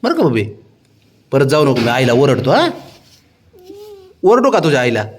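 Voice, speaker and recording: A man's voice: medium pitch, wildly swooping pitch, normal speed. A man at home talking affectionately to his pet cat, coaxing and teasing it. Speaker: pet owner vlogger.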